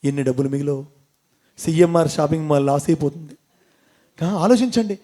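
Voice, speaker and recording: A man's voice: fairly high pitch, fairly quick, warm tone. A man with a Telugu accent telling a devotional story to a temple audience, quizzing his listeners and acting out the characters' lines. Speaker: spiritual storyteller and motivational speaker.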